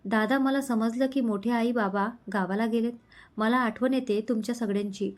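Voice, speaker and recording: A woman's voice: fairly high pitch, fairly even intonation, moderate pace, lightly acted. Woman reading a homesick, tearful young girl. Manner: weepy, pleading.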